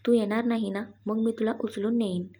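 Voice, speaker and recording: A woman's voice: a little high, steady tone, fairly quick, warm tone, husky. A woman voicing a young husband who talks firmly and teases his wife. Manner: firm, then playful. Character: young husband, brisk and teasing.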